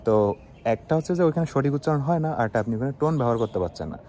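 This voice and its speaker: A man's voice: mid-range voice, animated, racing, mellow, a little hiss or hum. A young man from Bangladesh giving a casual spoken lesson on learning Chinese, often checking in with his listeners. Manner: conversational, with frequent "ঠিক আছে?" checks. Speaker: Chinese language teacher.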